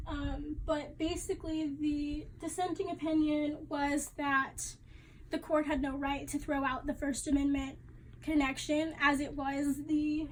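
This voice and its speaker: A woman's voice: high-pitched, slight background noise, poor audio. A young woman giving a class presentation, talking casually and chattily with fillers and the odd laugh. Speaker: student presenter.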